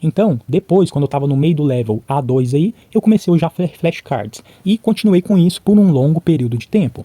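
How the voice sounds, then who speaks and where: A man's voice: a little high, warm tone, husky, no room sound. A Brazilian man talking casually to camera, sharing his own story and checking in with the viewer often. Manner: chatty, frequent "tá?" and "né?" check-ins; replays conversations by imitating both sides. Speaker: vlogger. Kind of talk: casual talk to camera about learning English.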